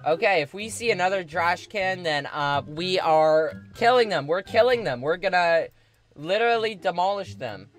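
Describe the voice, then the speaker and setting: A man doing excited gameplay commentary, yelping, shouting and slangy. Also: sits high, moderate pace, faint music behind. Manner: excitable, yelps and shouts at the game; slangy, calls out "bro" a lot. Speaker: gaming video creator.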